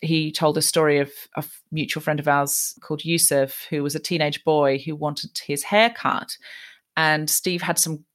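A woman raised in Australia, a guest telling animated stories in conversation. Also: deep voice, normal speed. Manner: animated, lively anecdotes. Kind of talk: conversational storytelling.

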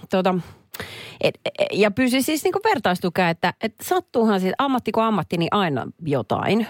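A woman's voice: medium pitch, sing-song, no echo, studio quality. A woman co-hosting a casual radio chat, playful and teasing, laughing often. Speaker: radio host.

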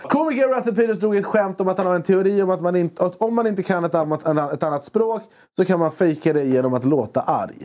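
A man chatting casually on camera, joking and jumping into things with quick restarts. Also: sits high, expressive, a little mellow. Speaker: vlogger. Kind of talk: casual chat.

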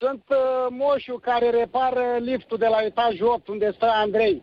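A man voicing an old lift repairman calling in to a morning radio show, in a strained high put-on voice. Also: steady tone, muffled recording. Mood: joking. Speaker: caller. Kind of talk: prank phone call.

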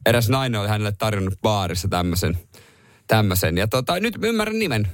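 Male radio co-host, mid pitch, animated and playful, dry close studio mic. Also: no room sound. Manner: playful, joking, lively delivery. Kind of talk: casual morning radio banter.

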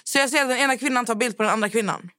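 In clean studio audio with no room sound, a woman with a slightly high voice and Swedish accent chats on her podcast. She tells stories vividly, acting out what others said.

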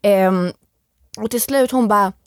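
This is a young woman's mid-range voice, clean in tone and recorded at studio quality without echo. As an interview guest and former reality show contestant, she tells a lively story and acts out what others said.

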